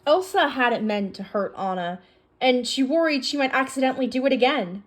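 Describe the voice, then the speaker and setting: This storybook reader has a high, expressive voice and keeps a moderate pace as she narrates a children's book. Music sits faintly behind her.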